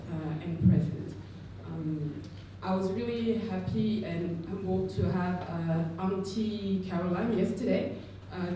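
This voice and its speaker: A woman from France giving a speech at a conference lectern, pausing often with fillers. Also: on the low side, noisy background. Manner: hesitant, many fillers. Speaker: guest speaker. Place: large conference room at a lectern. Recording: echoey hall, captured from far.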